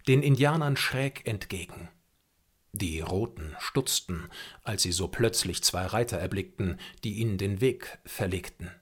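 A man's voice: on the low side, husky. Man narrating an adventure audiobook.

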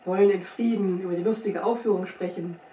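A woman's voice: medium pitch, steady tone, a little fast, warm tone, close to an everyday voice. A woman voicing a sly old frontier scout. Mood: firm. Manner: folksy, drawling, wry, self-assured. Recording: roomy sound from a distant mic, faint hiss.

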